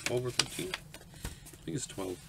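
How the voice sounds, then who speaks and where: A man's voice: mid-range voice, very animated, measured pace, creaky. A man in his twenties, chatty and upbeat, opening his mail for a home vlog, laughing often and saying um a lot. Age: 20s. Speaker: autograph collecting channel host. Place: small home room, indoors. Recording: noisy home recording.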